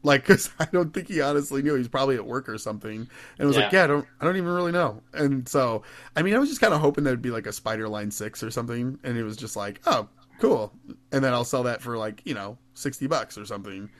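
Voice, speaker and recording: A man's voice: mid-range voice, fast talker. A man co-hosting a podcast in casual chat, telling stories with lots of laughter. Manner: laughing storyteller, animated. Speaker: podcast co-host.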